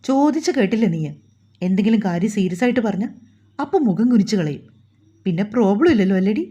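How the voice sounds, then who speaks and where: A woman voicing a stern, quick-tempered young husband who scolds in a lowered voice, in a storybook reading. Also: expressive, warm tone, lo-fi sound.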